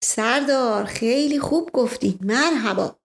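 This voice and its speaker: A woman's voice: a little high, gravelly. A woman voicing a sly, coaxing nobleman who talks people into things. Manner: coaxing, playful, persuasive.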